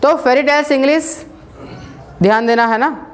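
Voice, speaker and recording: A woman's voice: high-pitched, normal speed. Woman teaching spoken English casually. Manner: repetitive, checks with listeners, mixes English words into Hindi.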